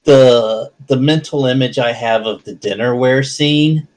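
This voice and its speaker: A man's voice: mid-range voice, unhurried, darkish tone, poor audio. A man running a tabletop game as game master, narrating hesitantly with many fillers and restarts.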